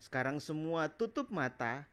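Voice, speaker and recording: A man's voice: on the high side, lively intonation, moderate pace, a bit bright. Manado-accented man preaching to children. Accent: Manado Malay. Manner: affectionate, encouraging. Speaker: children's minister. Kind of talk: children's sermon and guided prayer. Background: music.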